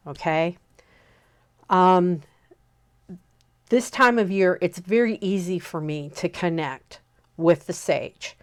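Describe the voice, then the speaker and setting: A woman in her fifties hosting a relaxed spoken lesson, unhurried and often pausing to check in with an "okay?". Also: lowish voice. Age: 50s. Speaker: host teaching on pagan practice.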